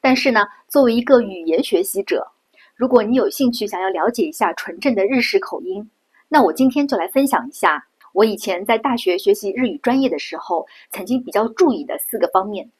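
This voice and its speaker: A middle-aged woman from China giving a patient pronunciation lesson, slowing down and repeating sounds to show them. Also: mid-range voice, animated, slightly rough. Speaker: Japanese language teacher.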